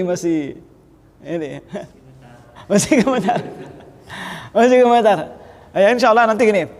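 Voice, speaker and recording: A man's voice: high voice, a little mellow. A man teaching a class how to preach, giving blunt feedback and laughing now and then. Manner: gives blunt advice and often laughs. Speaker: teacher of sermon practice. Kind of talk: classroom feedback on public speaking. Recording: echoey hall with long reverb.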